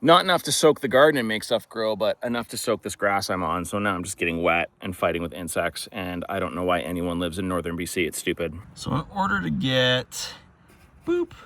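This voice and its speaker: A man's voice: sits low, animated, a little fast, a bit bright. A man chatting to viewers in a casual how-to vlog, grumbling with humor while he works outdoors, recorded on a handheld phone. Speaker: DIY vlogger. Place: outdoors on wet grass beside a pickup truck.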